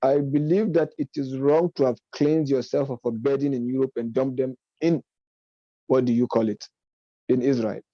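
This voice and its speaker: This politics-and-religion speaker has a mid-range voice with fairly even intonation. Off the cuff and lecture-like, he builds his argument methodically, fixing his own statements as he goes, in a measured delivery. The recording is dry and dull-sounding.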